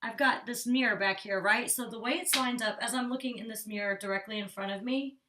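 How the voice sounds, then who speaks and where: Here a young woman, a beauty vlogger, rambles through a hair tutorial with plenty of "like," a little congested and short of breath. Her pitch sits fairly high, and her delivery is slightly quick, pushed and bright. The mic is some distance away.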